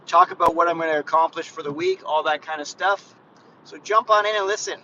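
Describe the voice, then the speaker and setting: In a moving car with faint road and engine noise, a man in his fifties who vlogs about fitness talks casually on a live stream, rambling, restarting, and often addressing viewers. His voice is a little high, a little fast and sharp, and the audio sounds dull.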